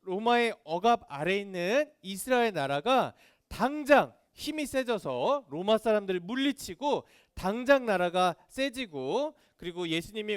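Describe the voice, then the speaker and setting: A man's voice: sits high, clear, resonant tone, no echo, studio quality. A man giving a children's sermon, asking the kids questions and acting out voices. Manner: animated, asks children questions; acts out quoted voices. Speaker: children's ministry preacher.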